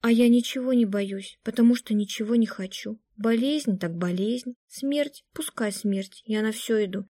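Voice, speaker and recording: A woman reading an audiobook gives voice to a detached young woman who talks in a flat, unwilling monotone. The voice sits a little high and sounds mellow, recorded dry and close. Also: normal speed, hardly any pauses, no echo, lightly acted. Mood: flat indifferent.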